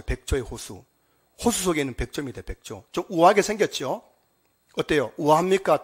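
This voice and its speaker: A man's voice: mid-range voice, breathy edge. A man preaching a sermon as pastor, telling a story and asking the congregation questions.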